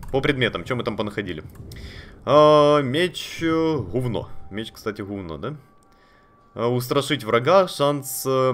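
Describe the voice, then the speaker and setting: A man giving chatty, excitable commentary while playing a video game, talking to the characters on screen and swearing casually. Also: mid-range voice, a little hiss or hum. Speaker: let's play gamer. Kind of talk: live gameplay commentary.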